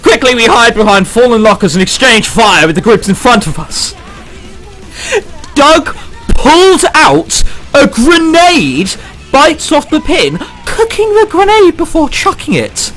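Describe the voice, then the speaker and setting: A gamer with a high, bright voice does let's play commentary on a visual novel, reading passages aloud and reacting in between. His pitch swings widely as he turns incredulous and sweary, with the game's background music playing.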